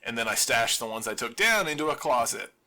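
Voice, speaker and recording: In this scripted audio drama monologue, a man voices a lone survivor hosting a radio show, his humor wry and deadpan. He speaks a little fast at a medium pitch.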